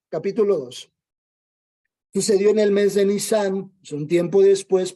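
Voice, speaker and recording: A man's voice: high voice, warm tone. A man preaching a sermon in a conversational way, acting out the quoted dialogue.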